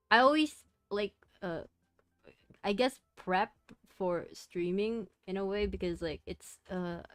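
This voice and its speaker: A young woman streamer chatting casually to her viewers, rambling softly and talking her thoughts through as she goes. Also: on the low side, no echo. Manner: rambling, soft-spoken, talks herself through thoughts. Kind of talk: casual chat.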